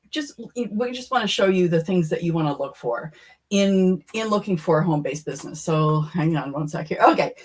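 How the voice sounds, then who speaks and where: A woman hosting a webinar, speaking effusively and haltingly. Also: lowish voice. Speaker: host. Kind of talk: casual webinar talk.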